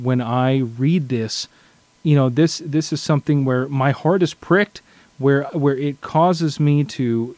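A man's voice: mid-range voice, a little mellow, no echo. A man sharing his thoughts in a casual scripture study discussion, earnest and reflective, often restarting his sentences.

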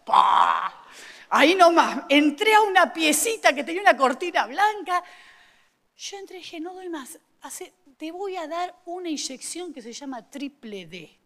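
A woman's voice: very high-pitched, animated, moderate pace, fairly bright tone, in a large hall. A woman with a Rioplatense accent preaching a sermon in a church, telling a personal story with playful asides to the congregation. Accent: Rioplatense Spanish. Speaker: pastor's wife preaching.

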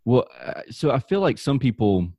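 A man with a Deep South American accent hosting a casual interview in an informal, joking, rambling way. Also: sing-song, normal speed, dark tone, slightly rough, dry recording, studio quality. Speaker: podcast host, interviewer.

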